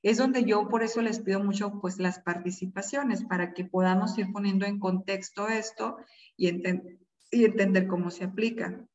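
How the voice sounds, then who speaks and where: A woman's voice: mid-range voice, fairly even intonation, normal speed, darkish tone. Distant echoey woman teaching a class. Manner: conversational, many fillers, checks in with the audience. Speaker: parenting class instructor. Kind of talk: online class lecture. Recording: distant, echoey, dull sound.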